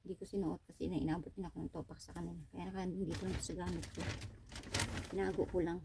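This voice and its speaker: A woman working as a domestic helper abroad, vlogging from her employer's house with a phone camera, rambling through aggrieved stories and getting loud and high when upset. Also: level tone, racing, creaky, heavy background noise. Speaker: vlogger, overseas domestic worker. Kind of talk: casual vlog monologue.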